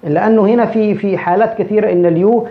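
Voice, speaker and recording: Male language teacher, brisk explainer, slows down to spell out sounds, muffled lo-fi recording. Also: sits high, fairly even intonation. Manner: repeats example words slowly to demonstrate sounds. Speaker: English teacher. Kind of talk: explaining a pronunciation lesson. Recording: dull lo-fi recording.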